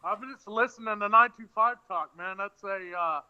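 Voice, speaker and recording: High-pitched man, tinny metallic phone sound, hesitant with many fillers, casual live-stream chat. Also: normal speed, sharp tone, smooth, no echo. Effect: tinny, tin-can sound from a phone mic.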